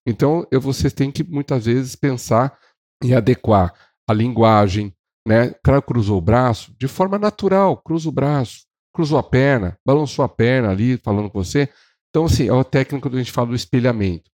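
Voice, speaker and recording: A Brazilian man co-hosting a podcast, giving casual sales advice in an animated way, shifting his pace and acting out what clients say. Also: medium pitch, brisk. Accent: Brazilian Portuguese. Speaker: podcast co-host.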